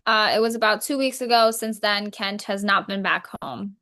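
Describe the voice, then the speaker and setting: A woman's voice: mid-range voice, normal speed, pushed and bright, natural voice. A woman playing a worried, fed-up wife in a counselling role-play, speaking firmly and plainly.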